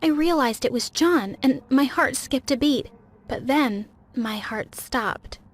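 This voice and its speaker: A young woman giving scripted first-person narration of an animated story, with a dramatic, emotional delivery. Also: high voice, takes it slowly.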